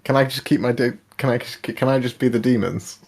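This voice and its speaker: A man chatting as a guest on a hobby livestream, relaxed and agreeable. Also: medium pitch, brisk, gravelly. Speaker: guest host. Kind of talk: casual hobby chat livestream.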